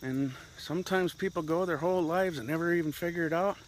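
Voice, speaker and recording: A man's voice: a little high, quick pace, slight background noise, poor audio. A middle-aged man in a casual, rambling walk-and-talk monologue, slightly winded as he walks outdoors. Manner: rambling, reflective, talking while walking. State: slightly winded from walking uphill. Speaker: vlogger.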